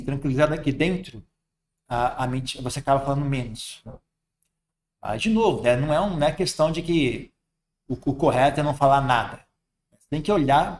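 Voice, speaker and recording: Man, Brazilian Portuguese accent, Buddhist monk, relaxed teaching talk, fairly high voice. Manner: conversational, repeats "sabe?" and "né?". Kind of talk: dharma talk.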